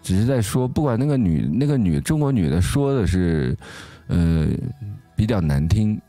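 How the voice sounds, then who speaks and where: A man hosting a talk show, telling a personal story casually in a halting way and often restarting his sentences. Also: on the low side, sing-song, dark tone, no echo, soft background music.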